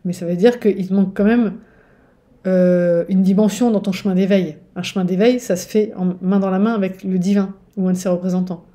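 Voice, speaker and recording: Woman coach talking straight to listeners, warm dark tone, mid pitch, loose and rambling. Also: fairly even intonation, fairly quick. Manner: chatty, keeps checking in with "ok?"; digressive, with restarts. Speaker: spiritual relationship coach. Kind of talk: casual teaching monologue.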